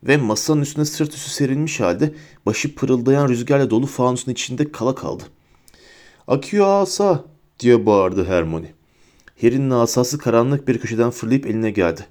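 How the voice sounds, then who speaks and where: A man narrating a fantasy audiobook in a lively storytelling manner. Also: normal speed. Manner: lively storytelling, pitches up for characters' shouts.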